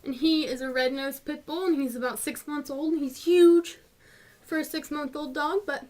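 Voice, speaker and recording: A woman in her twenties from North Georgia, USA, speaks with a mountain Southern twang, chatting casually and fielding viewer questions in a vlog. Her voice sits high and steady, with a darkish tone and a normal pace. She rambles in a chatty way, full of ums and little laughs.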